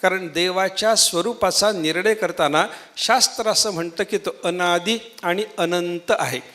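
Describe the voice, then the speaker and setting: A man's voice: high-pitched, a little slow, a bit bright. An older man giving a devotional discourse in a hall, explaining patiently and putting questions to his listeners. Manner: explanatory, repeats questions to the audience, playful imitations. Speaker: spiritual lecturer. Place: lecture hall.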